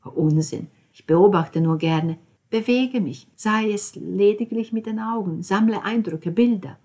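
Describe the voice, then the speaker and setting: A woman's voice: mid-range voice, measured pace, a little mellow. A woman voicing an eager young man who is a know-it-all poet, talking in a lecturing, enthusiastic way. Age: young adult.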